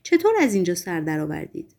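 A woman's voice: on the low side, big pitch swings, vocal fry, pitched below the performer's own voice. A woman reading a fussy, nervous hospital patient. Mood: fretful. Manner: fussy, reproachful, hushed and cautious. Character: nervous, gentle middle-aged male hospital patient. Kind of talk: audiobook reading.

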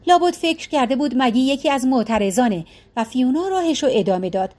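A woman with a slightly high-pitched voice reads a novel aloud as an audiobook narrator. She keeps a steady, even storytelling pace and uses relaxed, everyday spoken forms rather than stiff literary ones. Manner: steady, even storytelling read in colloquial speech.

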